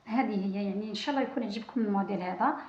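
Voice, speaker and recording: A woman with an Algerian Arabic accent hosts a casual crochet tutorial for her channel, talking as she works, often restarting and counting aloud. Her medium-pitched voice is darkish and rapid-fire. The sound is roomy, dull and lo-fi.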